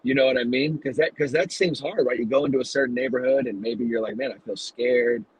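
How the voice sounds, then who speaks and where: A man with a husky, slightly raspy voice at a middle pitch. He hosts a casual podcast interview. He asks long, searching questions that wander before they land. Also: brisk, rough recording. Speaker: podcast host.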